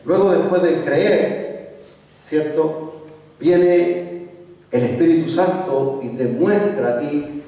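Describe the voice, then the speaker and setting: A man's voice: a little high, slow, pauses often, warm tone, lo-fi sound. A man leading an evangelism workshop in a church, teaching conversationally and often repeating or correcting himself mid-sentence. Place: church hall. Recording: echoey church hall, mic far off.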